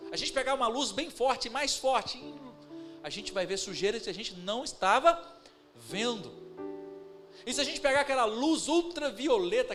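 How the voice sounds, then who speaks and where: A pastor with a Brazilian Portuguese accent and a voice that sits high preaches a sermon, moving between calm storytelling and loud emphatic bursts. He calls the congregation brothers, shares family anecdotes, and stresses some words slowly. Instrumental music plays under his voice.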